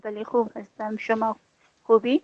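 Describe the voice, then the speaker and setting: A woman with a somewhat high voice answers softly and hesitantly, pausing to find words. The sound is lo-fi. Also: flat delivery, slight background noise. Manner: hesitant, soft, with pauses. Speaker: student. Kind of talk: classroom practice dialogue.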